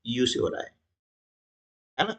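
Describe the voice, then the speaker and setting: A man's voice: measured pace, a bit bright. A man teaching a grammar lesson for exam preparation, explaining step by step and often checking in with his students.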